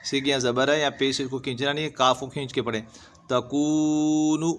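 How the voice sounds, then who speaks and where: A man gives a patient, step-by-step reading lesson, spelling letters one at a time and stretching out long vowels. His voice sits at an ordinary middle pitch. He talks like a teacher walking a student through each line. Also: level tone, sharp tone, slight background noise. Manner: spells letters slowly, then draws out the syllables. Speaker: Quran teacher. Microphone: voice-over over screen recording.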